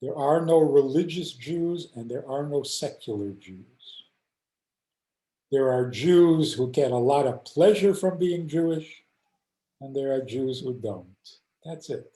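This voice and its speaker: Older male rabbi, unhurried, animated storyteller; roomy echoey video-call sound. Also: mid-range voice. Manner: animated storyteller acting out quoted voices. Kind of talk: teaching talk with stories.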